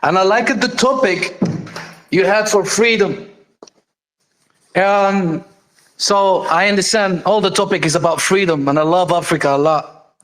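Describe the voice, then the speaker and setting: A heated man calling in to a live audio room. His voice sits high, and he talks in bursts, repeating himself and tripping into restarts. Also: unhurried, a bit bright, low-quality recording. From Algeria. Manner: heated, repetitive, stumbling restarts. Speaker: caller.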